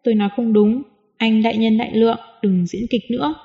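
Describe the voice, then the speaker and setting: A woman's voice: fairly high pitch, steady tone, a little fast, creaky. Woman reading a wry, wary young woman. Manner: wry, mock-earnest. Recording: dull lo-fi audio with long reverb.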